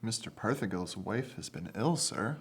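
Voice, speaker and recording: A man's voice: fairly low pitch, expressive, normal speed. A man acting a meek, dutiful clerk in an old-time radio drama, deferential and hesitant.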